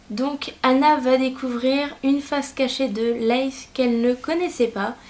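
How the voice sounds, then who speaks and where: A young woman giving a casual book review on her vlog, speaking hesitantly with frequent filler pauses. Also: sits high.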